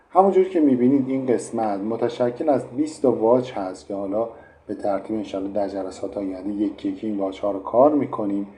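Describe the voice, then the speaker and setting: A man's voice: mid-range voice, warm tone. A man teaching English pronunciation in an online lesson, explaining patiently with frequent fillers. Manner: explanatory, many fillers like "in fact".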